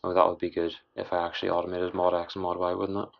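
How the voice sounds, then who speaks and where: Low, creaky, hoarse man with breathy rasp. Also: monotone, faint music behind. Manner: halting, trailing, mumbled. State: hoarse, worn-out late-night voice. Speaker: music production tutorial host. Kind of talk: casual unscripted software tutorial. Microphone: voice-over on screen recording. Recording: dull, lo-fi voice-over.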